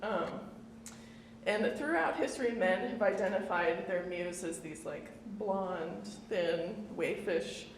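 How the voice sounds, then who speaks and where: Speaking slowly in a mid-range voice, a woman in her thirties from Indiana gives a casual public artist talk with a Midwestern American accent. She's chatty and self-deprecating, using lots of fillers. The indoor event room sounds echoey, with faint noise.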